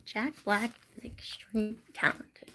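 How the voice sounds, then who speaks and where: A young woman from California chatting casually with her livestream viewers, soft-spoken and often slipping into whispers. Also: mid-range voice, little pitch movement, a little slow. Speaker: livestream host.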